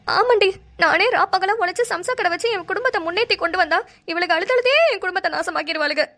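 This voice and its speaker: A dramatic village grandmother in a cartoon scolds and moans in a high, piercing voice, as a woman acts her out. She talks quickly and never stops complaining. Every line carries loud, theatrical feeling. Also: heavily acted. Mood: lamenting. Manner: loud, scolding, full of wails and curses.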